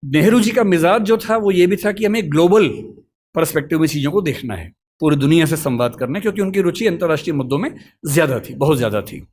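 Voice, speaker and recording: A middle-aged man lecturing calmly at a college, explaining a question step by step with a reasoned, storytelling manner. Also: a little high, fast talker. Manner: calm, reasoned, storytelling asides. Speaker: lecturer answering student questions. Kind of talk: measured explanatory lecture talk.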